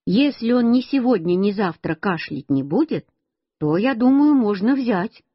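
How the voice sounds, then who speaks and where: Calm storybook father, read by a woman. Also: mid-range voice, a little slow, slightly rough, no echo. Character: calm practical father of a small boy. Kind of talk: storybook reading. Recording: dull lo-fi recording.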